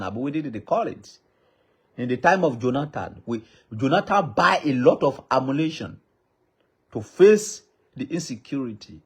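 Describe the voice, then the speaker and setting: A Nigerian traditional ruler with a Yoruba accent, Yoruba being his native language, urges the public in an impassioned, pleading appeal that repeats like a preacher's sermon. His voice is fairly high, gravelly, and slightly rough.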